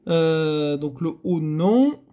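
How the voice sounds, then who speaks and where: A man's voice: a little high, lively intonation, very slow, warm tone. A man hosting a scratch-card video, giving chatty, theatrical commentary to his viewers as he scratches. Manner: chatty, theatrical, addresses viewers, frequent groans. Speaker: host.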